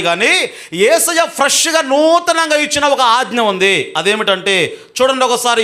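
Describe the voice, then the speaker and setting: A man pastor preaching a sermon to a live congregation, emphatic, often urging the listeners to answer loudly, moving between slow drawn-out phrases and quick bursts. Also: very high-pitched. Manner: swings between slow drawn-out and fast speech. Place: church hall with a congregation.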